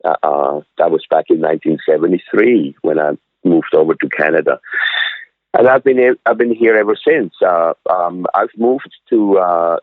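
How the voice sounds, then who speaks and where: A man in his sixties from Switzerland, a cafe owner telling his story in a halting way with many fillers and restarts, over a phone line. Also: deep voice, dry recording. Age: 60s. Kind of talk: casual interview storytelling. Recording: dry, tinny phone-line sound.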